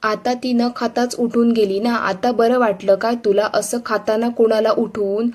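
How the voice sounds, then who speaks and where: A woman's voice: on the high side, steady tone, normal speed, a little mellow, lightly acted. A woman reading a storybook part of a flustered young husband who pleads earnestly with his mother. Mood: upset.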